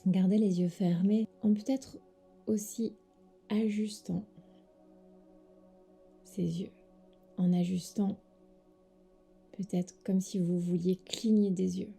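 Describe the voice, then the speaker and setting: A yoga teacher with a soft, breathy, medium-pitched voice guides a sleep meditation, her tone steady as she gives gentle, soothing instructions broken by pauses. Soft music plays in the background.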